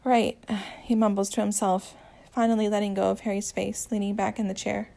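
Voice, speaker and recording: A woman reading a romance story aloud, with a gentle, even storytelling manner and small voice changes for the dialogue. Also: mid-range voice, moderate pace, vocal fry. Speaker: audiobook narrator.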